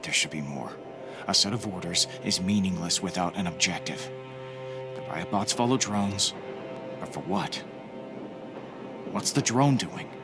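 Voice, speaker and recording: An actor playing a brooding, guilt-ridden soldier turned hero in a video game, weary but loyal, with a grave, understated delivery. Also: male voice, low-pitched, measured pace, pauses often, over music. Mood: guarded, low-key. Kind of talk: cinematic video game acting and narration.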